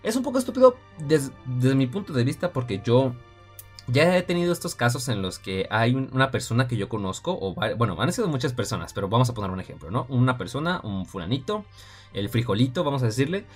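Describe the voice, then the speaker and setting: A man's voice: mid-range voice, very animated, a little fast, slightly rough, faint music behind. A man with a Mexican accent hosting a casual film review podcast, talking chattily and often addressing his listeners directly. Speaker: podcast host.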